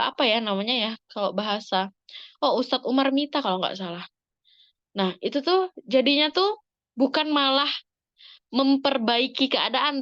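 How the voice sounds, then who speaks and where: A woman speaking to parents in an Islamic study talk, lively and expressive, acting out examples with sudden rises in pitch. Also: no room sound, highs cut off. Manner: lively, dramatic shifts in pitch, acts out examples.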